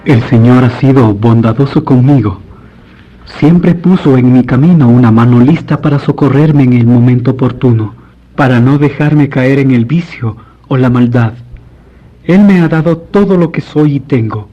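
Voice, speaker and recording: A man's voice: mid-range voice, lightly acted. A man playing a devout, courteous priest in a radio drama, speaking formally and earnestly. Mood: earnest, pious. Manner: formal, measured, pious. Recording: dull lo-fi radio recording.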